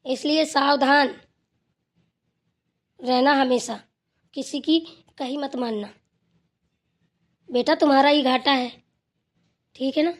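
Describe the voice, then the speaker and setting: A woman's voice: high voice, steady tone, takes it slowly, long pauses. A woman voicing a stern, wise old grandmother in a cartoon who scolds and lectures the family. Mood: lecturing. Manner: scolding, then lecturing with advice. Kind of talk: cartoon voice acting.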